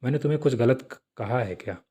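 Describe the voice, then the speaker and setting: A man voicing a sharp-tongued young woman boss who scolds and snaps. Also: medium pitch, fast, breathy edge, close to an everyday voice. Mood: irritated. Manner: scolding, curt.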